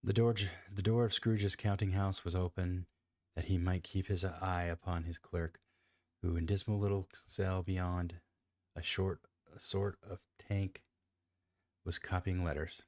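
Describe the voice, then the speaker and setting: A man's voice: sits low, flat delivery, measured pace, a little mellow, no echo, clean studio sound. A man reading a classic novel aloud, often stumbling, restarting lines and commenting on his own reading. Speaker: amateur reader.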